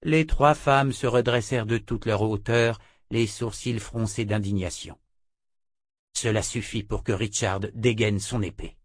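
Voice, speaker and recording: Steady male audiobook narrator. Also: lowish voice, a little slow, no echo. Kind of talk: scripted narration. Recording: dry close mic.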